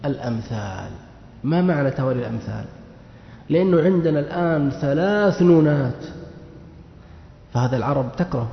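A man's voice: medium pitch, creaky. Man, grammar teacher, repeats himself, muffled recording, long hall reverb. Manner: questions and answers himself, repeats key words. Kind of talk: classroom lesson.

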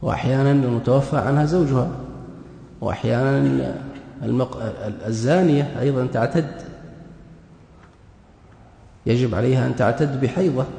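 Gravelly-voiced man teaching in an echoey hall. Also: mid-range voice, mellow. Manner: reads a passage then explains it, asking and answering his own questions. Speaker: teacher of Islamic jurisprudence. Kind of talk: religious lesson explaining a text. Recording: echoey hall with long reverb.

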